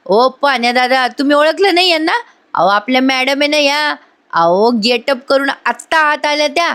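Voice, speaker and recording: A woman plays a cheerful, talkative tea seller. He talks eagerly, in a fairly high voice. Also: expressive, normal speed, fairly bright tone.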